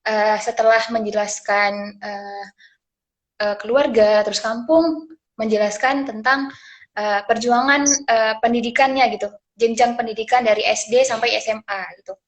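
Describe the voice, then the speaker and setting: Young woman from Aceh, fairly high voice, halting delivery, on a video call. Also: fairly even intonation. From Aceh, Indonesia. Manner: hesitant, many fillers and restarts. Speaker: guest speaker, scholarship awardee. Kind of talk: live-stream sharing session.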